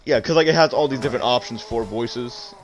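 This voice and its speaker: A man's voice: medium pitch, a little fast. A man hosting a stream, playing a game while chatting and laughing, often reading viewer messages aloud. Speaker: streamer host. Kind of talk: casual stream chat while gaming.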